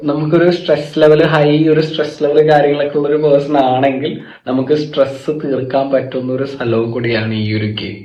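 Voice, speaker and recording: A man's voice: medium pitch, darkish tone. A man with a Malayali accent giving a casual video-game guide, mixing in English and talking informally in short, hesitant phrases. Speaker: gaming YouTuber. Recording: echoey room with music behind. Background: background music.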